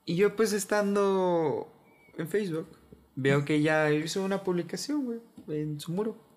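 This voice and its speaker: A young man with a Veracruz Mexican Spanish accent spins a story for a friend, joking and full of slang. His voice sits a little high for a man. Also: moderate pace, darkish tone. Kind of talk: casual chat between friends.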